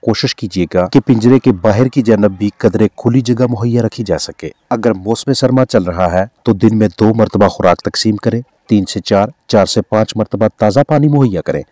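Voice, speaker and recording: A man's voice: lowish voice, normal speed, hardly any pauses, dry recording. A man with a Pakistani Urdu accent, a veterinarian giving formal, instructive, scripted voice-over narration. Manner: formal, instructive, steady delivery.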